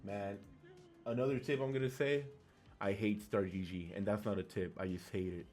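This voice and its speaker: A lower-pitched man casting a fighting game tournament live, chatty and rambling as he drifts between play-by-play and asides. Game music plays faintly behind him. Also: fairly even intonation, normal speed, darkish tone. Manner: rambling, chatty, trails off and restarts. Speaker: esports commentator and tournament organizer. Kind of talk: casual live game commentary.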